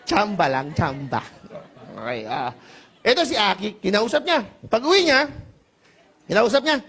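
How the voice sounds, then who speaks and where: Lively, high-pitched male seminar presenter. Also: normal speed, a faint crowd. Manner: playful and teasing, calls out to the audience for answers.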